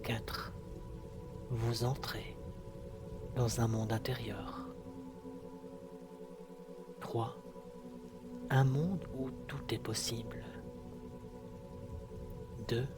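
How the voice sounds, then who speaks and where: Slow, sultry male hypnosis guide. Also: mid-range voice, fairly even intonation. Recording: music behind the voice. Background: clear background music.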